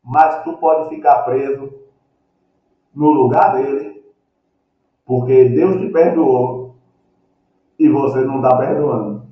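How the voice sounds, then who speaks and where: A man's voice: medium pitch, steady tone, slow, pauses often. A man preaching a live sermon, telling the story with animation, acting out voices and chuckling. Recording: echoey room, distant dull mic.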